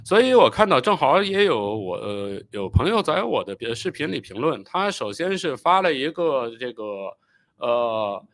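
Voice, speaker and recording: Guy hosting a live stream, talks through rocket stuff, lots of uh pauses, dry close sound. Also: mid-range voice, big pitch swings, fairly bright tone, no echo. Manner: explanatory, with frequent filler pauses; apologetic and hurried while fixing playback. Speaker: channel host.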